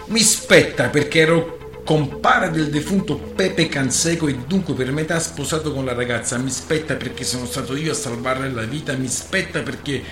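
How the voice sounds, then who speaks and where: A man's voice: mid-range voice, voice pushed up, close to an everyday voice. A man voicing a defiant one-armed male ex-Jesuit boatswain, insistent and formal, raised above his reading voice. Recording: roomy with music behind.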